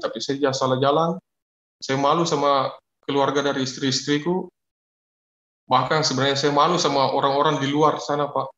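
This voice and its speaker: A man's voice: mid-range voice, fairly bright tone. A man giving an earnest, confessional personal testimony, often repeating himself. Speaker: testimony speaker. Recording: echoey, dull lo-fi audio.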